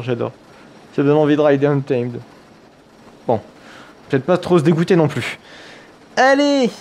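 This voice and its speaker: A man's voice: on the high side, darkish tone. A man giving chatty, enthusiastic let's-play commentary on a video game, thinking aloud as he goes.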